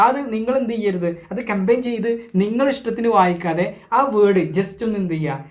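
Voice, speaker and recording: A man's voice: high-pitched, fairly quick. A man with a Malayali accent teaching English pronunciation, who keeps asking and answering his own questions and mixes English words into his talk. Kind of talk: spoken lesson to camera.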